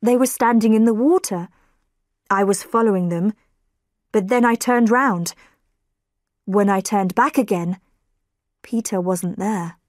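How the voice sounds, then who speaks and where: A woman voicing a worried, evasive male church reverend in a storybook reading, speaking slowly and carefully. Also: mid-range voice, darkish tone, no room sound, studio quality, natural voice.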